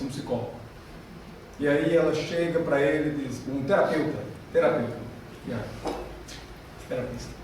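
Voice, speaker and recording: A man's voice: fairly high pitch, a little mellow. A Brazilian man, a pastor, giving a seminary lecture in a chatty, joking way, often correcting himself. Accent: Brazilian Portuguese. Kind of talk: lecture with storytelling. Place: seminary hall. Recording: echoey hall from far off, faint noise.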